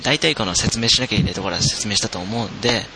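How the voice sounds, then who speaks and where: A man's voice: lowish voice, very fast, noisy background. A man hosting a casual group chat on a voice call, speaking into a headset. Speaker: host of a recorded chat. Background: music.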